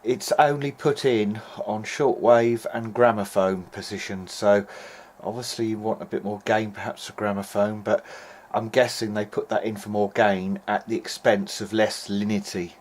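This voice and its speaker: A presenter who restores radios as a hobby chats informally at his bench, thinking aloud with some hesitation. His lowish voice moves at normal speed with few pauses, over clear, steady background noise.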